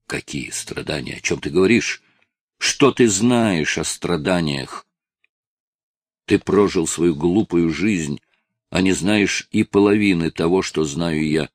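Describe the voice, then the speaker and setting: A man voicing a desperate, tearful eighteen-year-old male addict who shouts and pleads with his father, in a dry, close recording. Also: low-pitched, takes it slowly, no room sound, pitched below the performer's own voice. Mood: agitated.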